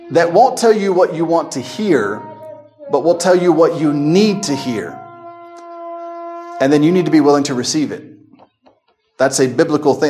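A man who is a missionary teaching a Bible class in a conversational way, acting out quoted people with changes in his voice. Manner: conversational, acts out quoted people with shifts of pitch, laughs often. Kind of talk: recorded Bible class lecture.

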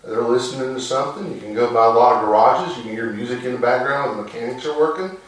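A man's voice: mid-range voice, quick pace. A man preaching an informal sermon in a folksy, rambling way, his voice echoing back through the sound system. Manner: folksy and rambling, with many restarts. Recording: echoey room, mic at a distance.

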